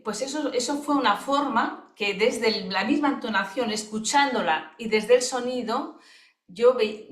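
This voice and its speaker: A woman, a singing therapist giving a webinar lesson in a thoughtful, unhurried way, often checking in with her listeners by asking if they follow. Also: mid-range voice. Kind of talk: teaching talk. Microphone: video call microphone. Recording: echoey room.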